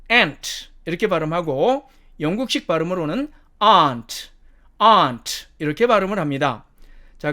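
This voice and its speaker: A man teaching a structured lecture, explaining each example step by step and repeating words slowly. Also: high-pitched, fairly bright tone. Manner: methodical, repeats each word twice slowly. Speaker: English teacher. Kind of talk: lecture on pronunciation.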